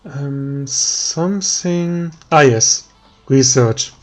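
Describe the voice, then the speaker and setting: Slow, tired German-accented man gaming. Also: mid-range voice, darkish tone, faint music behind. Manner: slow, thinking aloud with many ums and pauses. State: tired, yawning. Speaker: let's play commentator. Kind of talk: relaxed gameplay commentary.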